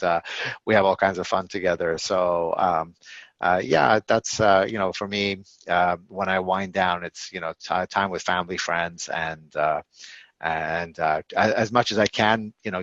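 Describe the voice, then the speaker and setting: A man in his fifties, an executive answering interview questions in a halting, casual way, full of fillers and restarts. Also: sits low, steady tone, a bit bright, dry recording. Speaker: tech company executive guest. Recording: dull, lo-fi and dry.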